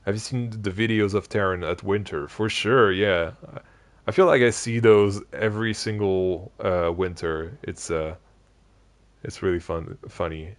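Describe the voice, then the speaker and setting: A man's voice: fairly low pitch, fairly even intonation, unhurried. A man live-streaming a building game late in a long session, chatting loosely with viewers and restarting his sentences a lot. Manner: rambling, many restarts and fillers, chatting with viewers. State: sleepy, yawning. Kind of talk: casual live-stream chat while gaming.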